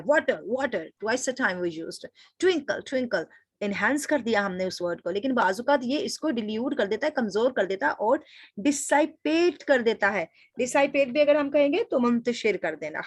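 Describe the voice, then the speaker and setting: A woman with a fairly high voice gives a literature lecture. She explains each term step by step and asks questions aloud, then answers them. The sound is close and dry. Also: no echo. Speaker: literature teacher.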